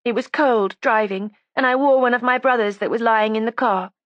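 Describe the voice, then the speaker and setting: A sharp, resentful young woman whose audiobook voice rises high against the plain narration, sarcastic and combative. A woman reader puts her on in a dry, close recording. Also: normal speed, no echo, muffled recording, lightly acted. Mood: defiant. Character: defiant resentful young woman making a false confession. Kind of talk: audiobook character voice.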